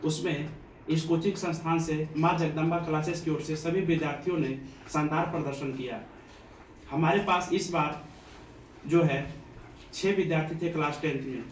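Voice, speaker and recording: Earnest high-voiced man from Bihar. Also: fairly even intonation, moderate pace. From Bihar, India. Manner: earnest, devotional, preachy. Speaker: coaching institute teacher. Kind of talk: motivational address to students. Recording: echoey room, distant mic, faint ambient noise.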